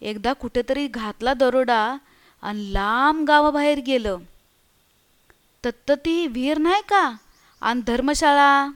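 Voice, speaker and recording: As part of a storybook reading, a woman voices a frightened village man telling a ghost tale in hushed, stammering, earthy speech. Her voice is high-pitched, slow and clean, and the mood is hushed and fearful.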